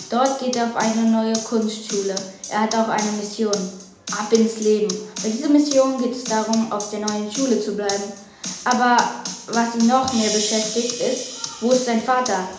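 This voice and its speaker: A woman presenting a book and then reading a chapter aloud in a steady manner. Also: on the high side. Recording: echoey room from a distance, music behind.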